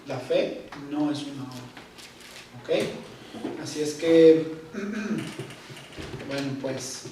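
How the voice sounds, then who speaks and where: A man teaching a Bible study class, speaking slowly, repeating key words and often checking in with his listeners. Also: fairly high pitch, a little mellow, slight background noise. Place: church hall. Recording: echoey hall, voice from far off.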